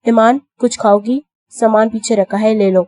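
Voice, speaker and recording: A protective young husband with a soft, teasing manner in a storybook reading, as a woman reads his lines. The voice is mellow and dark, recorded dry and close. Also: a little high, fairly even intonation, dry recording, lightly acted.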